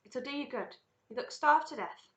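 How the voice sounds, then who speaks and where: A woman voicing an exuberant, eccentric man who owns a chocolate factory, bossy and excitable as he calls out orders in a storybook reading. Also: extremely high pitch, echoey room, pitched above the performer's own voice. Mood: brisk, generous. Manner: excitable, brisk, commanding.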